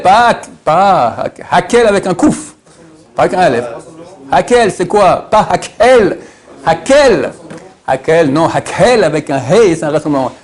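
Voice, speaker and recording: A man, a rabbi, teaching a Torah lesson, animated and quizzing his listeners, dropping to low murmurs and rising to high exclamations.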